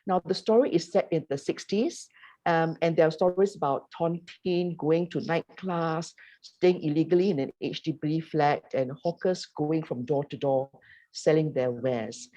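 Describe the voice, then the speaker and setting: A woman speaks in a mellow, warm tone, laying out her work in a measured, explanatory way. She pauses on ums as she goes. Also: sits low, poor audio. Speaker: producer and playwright. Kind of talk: prepared talk on a panel.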